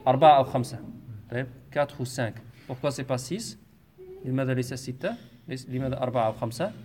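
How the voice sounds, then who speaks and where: A man teaching Quran recitation, chanting verses slowly for a group to repeat and explaining the rules in Arabic and French while he quizzes and praises his students. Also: mid-range voice, a little mellow, a little hiss or hum. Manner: asks questions and praises answers. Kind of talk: bilingual tajweed lesson, slow chanted recitation for repetition.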